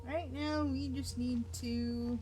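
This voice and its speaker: A woman's voice: high voice, steady tone, slow, over music. A woman game streamer giving casual livestream commentary as she plays. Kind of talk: casual livestream gaming commentary, reading dialogue aloud.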